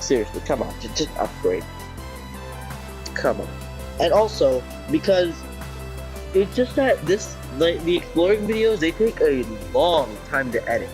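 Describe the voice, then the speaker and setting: A man's voice: medium pitch, poor audio. Man's voice through noise suppression. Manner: rambling, self-deprecating, many fillers. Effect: noise reduction artifacts from noise suppression. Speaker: tech channel host. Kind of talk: casual chatty vlog. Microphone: headphone built-in mic.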